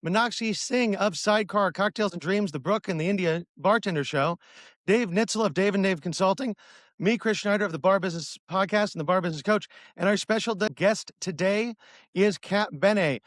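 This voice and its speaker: Chatty high-voiced podcast host man. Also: a little fast, no room sound, studio quality. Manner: upbeat, chatty, lively intros. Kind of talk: podcast hosting.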